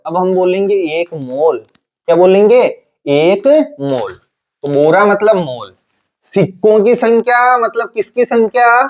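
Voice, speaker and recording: High-voiced man teaching a lesson. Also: highs cut off. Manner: asks questions and answers them himself in a low voice; casual, repetitive explaining. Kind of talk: classroom lecture.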